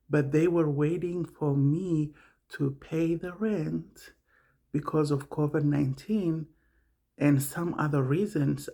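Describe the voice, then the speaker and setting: A man's voice: on the high side, creaky, a little mellow. A middle-aged man from Somalia talking casually about his own experience, rambling and repeating himself as he searches for words. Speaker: vlogger sharing personal experience. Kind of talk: casual personal monologue.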